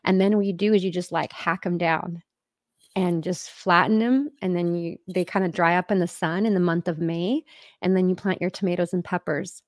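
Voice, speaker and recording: A woman hosts a casual home podcast over a video call. Her voice sits a little low and the sound is dry and close. She rambles in an easy, chatty way, stacking fillers as she goes. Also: fairly even intonation, moderate pace, dry recording. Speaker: podcast host. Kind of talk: casual chat.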